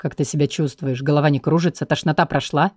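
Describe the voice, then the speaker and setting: A woman voicing a stern aristocratic male guardian who sounds worried and gruff. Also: fairly even intonation, quick pace, darkish tone, no room sound, clean studio sound. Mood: soothing. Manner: low, gruff, urgent.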